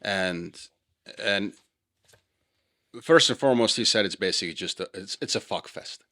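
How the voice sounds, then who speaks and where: A man from Serbia, co-hosting a casual podcast chat in an animated, emphatic way, often repeating words when worked up. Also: on the low side, moderate pace. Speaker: podcast co-host.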